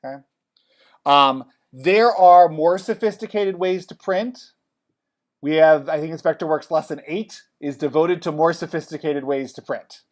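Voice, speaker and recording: Male instructor, a touch high-voiced, casual and talkative, walking a class through software. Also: a little slow. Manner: chatty, checks in with "okay?" often. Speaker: college theater design instructor.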